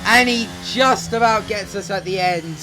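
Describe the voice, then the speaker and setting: A man's voice: high voice, normal speed, background noise. A young man gives breathless, urgent play-by-play of his own racing game as a gaming YouTuber. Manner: breathless, urgent, narrating each move as it happens. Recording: game music playing clearly behind the voice. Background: game music under the voice.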